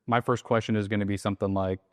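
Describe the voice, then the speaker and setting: A man's voice: on the low side, rapid-fire, dry recording, studio quality. A man casually explaining how to run sales calls, often acting out the lines he says on the phone. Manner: relaxed, acts out sales calls with quoted lines. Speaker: real estate wholesaling coach. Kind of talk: casual teaching conversation.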